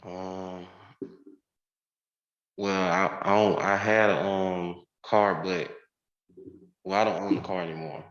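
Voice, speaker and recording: A man in his twenties testifying as a defendant, giving hesitant, halting answers, heard on a courtroom recording. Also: low voice, fairly even intonation, a bit bright. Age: 20s. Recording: roomy, dull courtroom audio.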